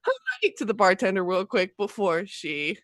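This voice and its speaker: Bright-voiced woman running a tabletop game. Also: mid-range voice, very animated, unhurried, no room sound. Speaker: game master. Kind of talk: casual improvised narration of a tabletop game.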